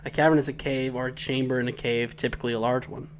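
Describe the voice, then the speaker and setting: A man's voice: mid-range voice, level tone, fast, a little hiss or hum. A man co-hosting a podcast, doing a casual comedic recap with profane, teasing banter. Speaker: podcast co-host.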